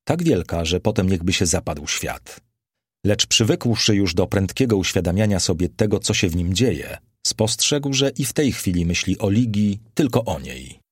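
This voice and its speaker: A man narrating a classic novel as an audiobook in a measured, expressive storytelling manner. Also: deep voice, husky, dry recording, clean studio sound.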